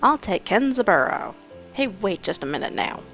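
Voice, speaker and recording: A woman voicing a brash young male rabbit with a put-on American Southern drawl, talking loud and swaggering. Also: medium pitch, sing-song, normal speed. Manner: loud, swaggering, self-important. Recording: dull lo-fi with game music.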